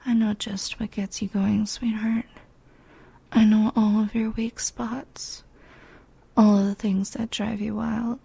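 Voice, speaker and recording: Breathy woman in ASMR role-play. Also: mid-range voice, little pitch movement, takes it slowly, mellow, no room sound. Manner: intimate, breathy, coaxing murmur. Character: doting, dominant female lover. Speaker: audio role-play performer.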